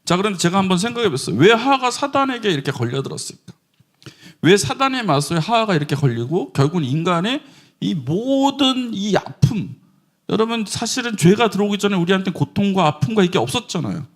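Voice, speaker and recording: Animated preaching man, lively pitch. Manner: animated, acts out quoted voices and shouts. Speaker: pastor. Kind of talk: sermon. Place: church sanctuary.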